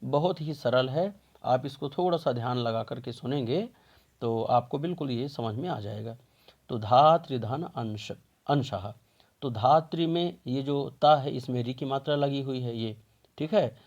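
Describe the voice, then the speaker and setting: A man's voice: medium pitch, moderate pace, a little mellow, dull audio. A man teaching a Sanskrit grammar lesson step by step, patiently asking questions and answering them himself.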